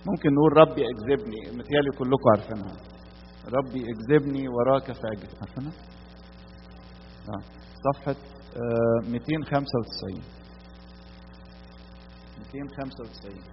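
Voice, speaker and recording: A man's voice: mid-range voice, a little fast, long pauses. A man with an Egyptian Arabic accent giving a sermon, asking the audience questions and then answering them himself. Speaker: preacher. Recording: long hall reverb, dull lo-fi sound with faint hum.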